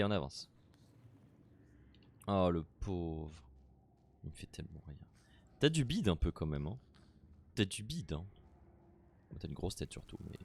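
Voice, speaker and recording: Deep-voiced, unhurried man streaming a game. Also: creaky. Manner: chatty, talks to on-screen characters, swears. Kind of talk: casual horror game commentary.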